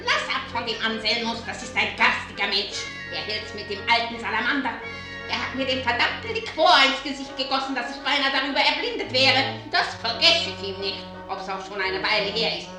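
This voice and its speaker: A spiteful old witch acted by a woman croaks and cackles in a radio play. Her high voice swoops theatrically through drawn-out words. It rings in an echoey space over loud music. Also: lightly acted. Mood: spiteful, warning. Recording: echoey, roomy sound.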